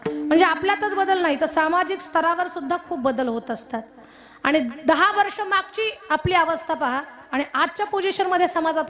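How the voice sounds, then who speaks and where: A woman's voice: sits high, fairly bright tone. A woman giving a humorous devotional kirtan sermon, telling jokey stories and drawing out chanted verse lines. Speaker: kirtan preacher.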